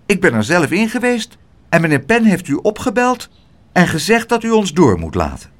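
A man's voice: wildly swooping pitch, normal speed. A man reading a storybook and voicing a polite, eager young boy. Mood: earnest. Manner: eager, raised boyish pitch.

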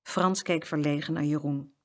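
A woman reading a children's story aloud as narrator, with expressive storytelling. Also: low voice, normal speed.

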